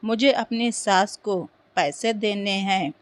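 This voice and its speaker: A woman's voice: mid-range voice, takes it slowly, lightly acted. A woman voicing a timid, obedient young village daughter-in-law who speaks meekly and pleads, in a storybook reading. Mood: pleading. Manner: meek and pleading.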